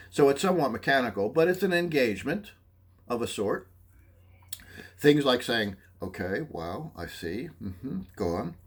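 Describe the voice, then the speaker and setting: A man teaching a psychology lesson, explaining listening skills, often checking in with "okay?" and acting out short examples. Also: fairly low pitch. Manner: animated, acts out examples. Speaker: psychology instructor. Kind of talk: lecture.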